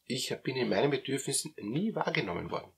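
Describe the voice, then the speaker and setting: A middle-aged man with an Austrian German accent, a coach explaining calmly with many fillers and repeated words. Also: medium pitch, fast, creaky, husky. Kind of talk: explanatory talk.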